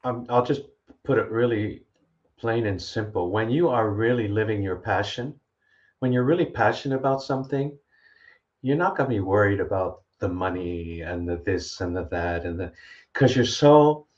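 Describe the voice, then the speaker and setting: A man's voice: lowish voice, normal speed. A man speaking earnestly and emphatically as a guest on a motivational panel. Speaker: guest coach for entrepreneurs. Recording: dull, lo-fi audio.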